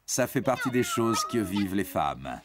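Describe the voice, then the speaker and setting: Over music and some background noise, a man with a fairly low, sing-song voice narrates a scripted educational piece for young teens at a moderate pace. He speaks to the listener directly, explaining in an informal, reassuring way.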